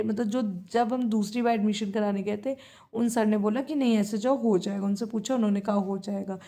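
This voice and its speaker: A woman's voice: mid-range voice, dark tone. A young woman in her twenties with an Indian accent, chatting casually in a diary-style vlog and often correcting herself as she goes. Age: 20s. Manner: chatty, self-correcting, mixes in English phrases. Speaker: vlogger. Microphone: handheld phone camera.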